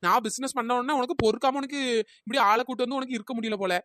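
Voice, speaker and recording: A woman's voice: on the high side, a bit bright, no room sound, clean studio sound, lightly acted. A woman voicing a scheming village girl in a cartoon, scolding and sly. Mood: mocking. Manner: quick, scolding and sly, switching to sweet pleading. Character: scheming village girl who sells fake biryani. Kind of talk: cartoon voice acting.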